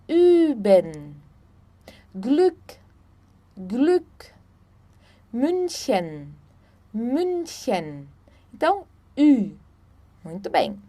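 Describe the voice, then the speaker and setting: A woman teaches German pronunciation in a short online lesson. Her voice sits a little high, and she explains patiently, checking in with listeners often. She stretches out example words slowly and clearly. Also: darkish tone. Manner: patient, explanatory, frequent "tá?" and "então"; slow, drawn-out model pronunciations.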